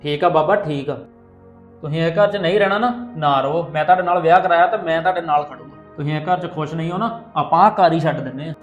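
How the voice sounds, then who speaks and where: A man's voice: on the high side, fast, lo-fi sound, faint music behind, natural voice. A man playing a young husband caught between his wife and his mother. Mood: earnest. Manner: earnest, pleading. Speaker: husband and son. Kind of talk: family skit acting.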